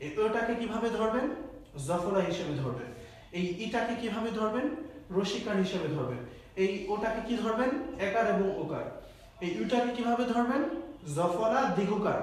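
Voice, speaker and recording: A high-voiced man teaches a live online language lesson, asking questions and then answering them himself. His voice rings with strong echo, as though the mic sits some way off in a bare room, with faint noise under it. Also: expressive, normal speed. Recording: echoey, distant, faint noise.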